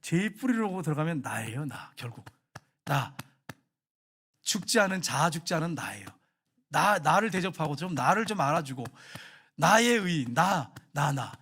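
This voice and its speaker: A man preaching a sermon in a church, telling a lively story, acting out the quoted lines and chuckling along the way. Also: a little high, moderate pace, slightly rough. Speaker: pastor. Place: church sanctuary.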